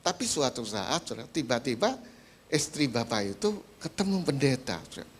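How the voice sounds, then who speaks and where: A man's voice: medium pitch, big pitch swings, a little fast, a little hiss or hum. A man preaching a sermon in a conversational way, speaking directly to the congregation with frequent filler words. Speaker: pastor.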